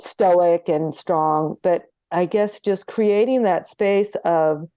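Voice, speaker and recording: A chatty, earnest woman homeopath speaking as an interview guest over a video call. Her voice is mellow and warm-toned, and the sound is dry and close. She tells stories and slips into acting out the dialogue. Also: lowish voice, slow, no room sound. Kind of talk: conversational interview.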